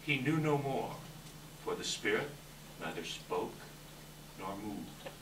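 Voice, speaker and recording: A man's voice: on the low side, expressive, slow pace. A man reading scripted story narration at a live readers theater. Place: indoor live staged reading. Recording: echoey room, distant mic, faint noise.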